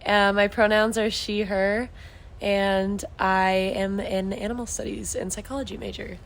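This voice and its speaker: A woman's voice: medium pitch, little pitch movement, unhurried, vocal fry. A woman in her twenties, a podcast guest, telling stories animatedly with laughs. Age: 20s. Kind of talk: casual chat.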